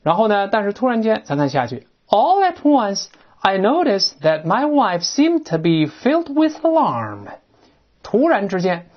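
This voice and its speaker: A woman with a low, husky voice teaches an English textbook lesson, her pitch swinging widely as she talks. She explains words and grammar in a chatty, folksy way, full of asides and rhetorical questions. The recording sounds dull and lo-fi.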